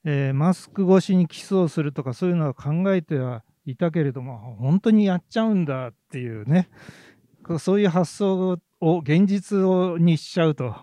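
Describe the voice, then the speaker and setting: A man co-hosting a podcast about theatre, talking in a relaxed, hesitant way with many fillers and small laughs. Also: fairly high pitch, moderate pace, no echo, studio quality. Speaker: podcast co-host, theatre reviewer. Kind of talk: casual chat about plays.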